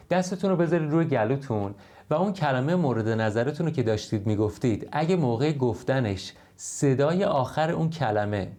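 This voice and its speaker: A man teaching an English lesson, explaining grammar patiently and repeating words slowly for practice. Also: mid-range voice, darkish tone.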